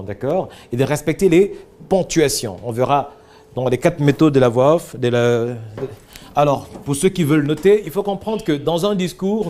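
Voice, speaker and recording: A man's voice: a little high, a little mellow. A man coaching trainees in public speaking during a live workshop, giving directions and demonstrating lines himself.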